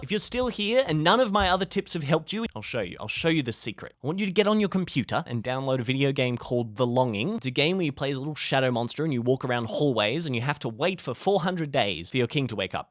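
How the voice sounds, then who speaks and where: In clean studio sound with a dry recording, a man with a mid-range, fairly bright voice gives friendly tips straight to camera. His vlogger-like delivery is informal and jokey, with a self-deprecating streak.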